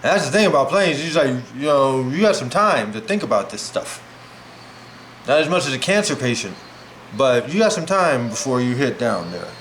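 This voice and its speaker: A man's voice: medium pitch, moderate pace, slight background noise. A middle-aged man rambling casually through a personal story, full of "like" fillers, talking while he prepares food at home. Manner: rambling, animated, many "like" fillers.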